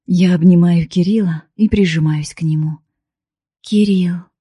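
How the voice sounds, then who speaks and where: A woman's voice: on the low side, normal speed, mellow, slightly rough, no room sound, studio quality. A woman reading an emotional first-person audiobook narration in a heartfelt, pleading way. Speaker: audiobook reader.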